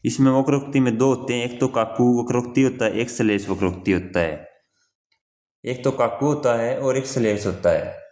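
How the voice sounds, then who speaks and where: A man's voice: mid-range voice, moderate pace, a little mellow. A young man teaching an exam-prep grammar lesson in a casual, repetitive way, often repeating key phrases and calling the listener brother.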